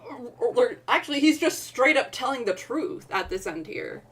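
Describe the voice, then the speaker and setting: A woman's voice: on the high side, sing-song, moderate pace, fairly bright tone, slight background noise. A woman hosting a game stream with friends, chatting casually with lots of fillers and sounding hyped. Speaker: stream host.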